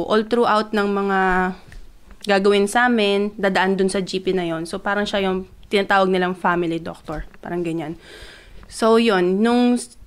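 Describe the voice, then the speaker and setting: A young woman with a smooth, clear voice at an everyday middle pitch. She tells a personal story in a loose, chatty vlog, switching between Tagalog and English with plenty of fillers, and she gets more excited as she goes. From Philippines. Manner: grows excited as she retells. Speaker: vlogger. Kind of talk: casual personal testimony.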